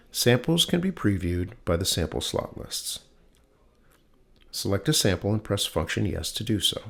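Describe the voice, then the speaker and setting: A man reads technical script aloud as the host of a sleep-aid session, soothing and measured, with deliberate pauses. The voice is low and carries vocal fry.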